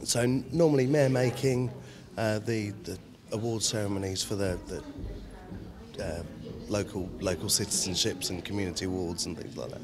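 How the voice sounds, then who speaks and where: A man's voice: lowish voice, normal speed. A man who works as a town crier giving casual, conversational interview answers. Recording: crowd chatter outdoors. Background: crowd in an outdoor town setting.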